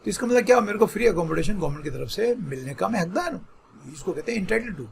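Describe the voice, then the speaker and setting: A man's voice: high voice, lively intonation, quick pace, creaky, a little hiss or hum. A middle-aged man teaching an online exam-prep vocabulary lesson, explaining patiently and mixing English terms into Hindi with frequent check-ins to his students.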